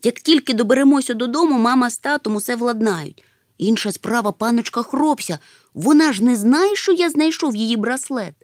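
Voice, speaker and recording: A woman's voice: fairly high pitch, expressive, fairly quick, a little mellow, dry recording, studio quality, pitched above the performer's own voice, lightly acted. A woman voicing an earnest, impatient young male troll in a storybook, with an urgent manner. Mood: irritated. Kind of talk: storybook reading.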